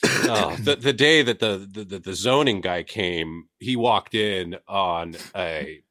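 An actor improvising as an earnest, rambling diaper spa owner, halting and full of restarts. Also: male voice, low voice, pushed and bright, exaggerated voice. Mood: deadpan earnest. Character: man playing an adult-baby diaper spa owner. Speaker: comedy guest in character. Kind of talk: improvised comedy bit.

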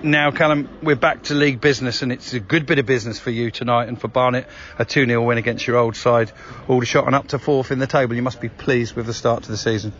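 A man's voice: medium pitch, steady tone, fast, hardly any pauses, a bit bright, muffled recording. A man working as a football reporter, putting questions in a post-match interview. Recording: clearly noisy match-ground interview.

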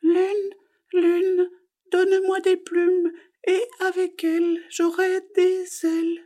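A man's voice: extremely high pitch, monotone, slow, dark tone, voice pushed up. A man voicing a small hopeful female tree frog in a storybook, speaking in an eager, pleading way. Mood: singing.

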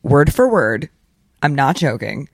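A man's voice: a little high, sing-song, unhurried, creaky, no echo. A man hosting a casual podcast chat, speaking in an emphatic, slangy way and repeating phrases for effect. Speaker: podcast host.

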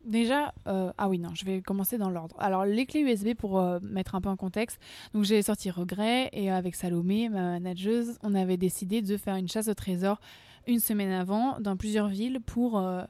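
A woman's voice: medium pitch, normal speed, dark tone, no echo. Chatty young woman singer. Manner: chatty, laughs often, many fillers and restarts. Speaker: singer guest. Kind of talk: casual interview chat.

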